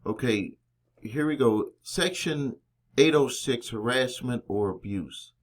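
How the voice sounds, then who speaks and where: A man's voice: medium pitch, slow pace. An American man presenting a consumer-advice vlog, explaining things directly to viewers in an emphatic, indignant way with stressed key words and rhetorical questions. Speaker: credit repair business owner and video host.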